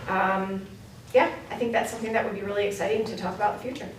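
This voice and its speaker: A woman presenting an immersion program report at a board meeting, talking fast and eagerly with plenty of fillers. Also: medium pitch, fairly even intonation, a little hiss or hum. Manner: enthusiastic, fast, filler-heavy. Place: meeting room. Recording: echoey room, mic far off.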